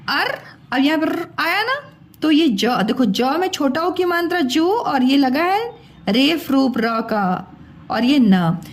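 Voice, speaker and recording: Woman, teacher, high-pitched, slow, patient, syllable-by-syllable spelling. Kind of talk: slow spelled-out children's lesson.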